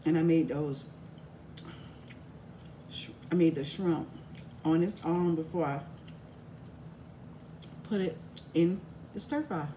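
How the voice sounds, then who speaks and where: Slow mellow woman talking while chewing. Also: deep voice, a little hiss or hum, rough recording. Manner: relaxed, addresses viewers as y'all. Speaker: mukbang host. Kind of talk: casual eating-show chat.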